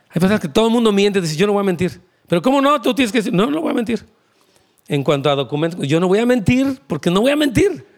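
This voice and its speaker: A man, preaching a conversational, emphatic sermon as pastor, with asides to the congregation. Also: high voice.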